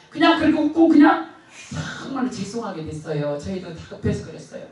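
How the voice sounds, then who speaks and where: A male pastor preaching a Sunday sermon, telling a personal story with dramatic swings and bursts of laughter. His voice rises and falls widely. It rings through a very reverberant church sanctuary, heard from some distance off the mic. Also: very high voice. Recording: echoey church hall, speaker off-mic.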